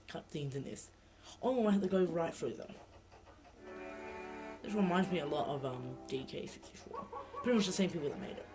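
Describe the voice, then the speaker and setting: A young man with a stuffy nose rambles through let's play commentary into a laptop mic, correcting himself as he goes. His voice is high and slightly mellow, with game music playing behind him.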